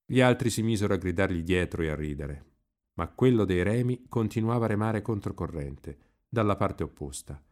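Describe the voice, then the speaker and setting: A man reading a novel aloud in an expressive, lively literary narration. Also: low-pitched, normal speed. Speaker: reader.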